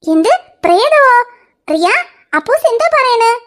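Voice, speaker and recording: A woman's voice: extremely high pitch, very animated, measured pace, heavily acted. A woman voicing a fussing cartoon mother who scolds in an exasperated way. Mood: scolding. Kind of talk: cartoon voice acting.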